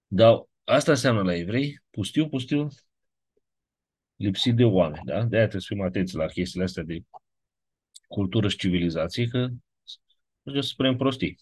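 A man's voice: fairly low pitch, lively intonation, long pauses, a little mellow, breathy edge, no echo. A man giving an online lesson, explaining step by step and often checking in with his listeners. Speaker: teacher of biblical Greek. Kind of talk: online lecture.

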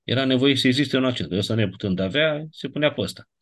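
A man's voice: medium pitch, lively intonation, fairly bright tone. A man teaching a lecture class, explaining grammar step by step and checking in with his students.

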